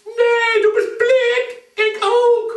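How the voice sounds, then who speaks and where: A man voicing a timid, polite blind snake with a squeaky, apologetic voice and an East Frisian accent. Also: flat delivery, extremely slow, exaggerated voice. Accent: East Frisian German. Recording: echoey room, mic at a distance.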